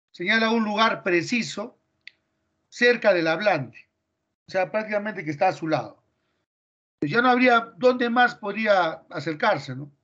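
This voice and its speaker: Peruvian guy teaching grammar in class, high bright voice, kinda dull lo-fi sound. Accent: Peruvian Spanish. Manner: explains step by step, quizzing students with questions.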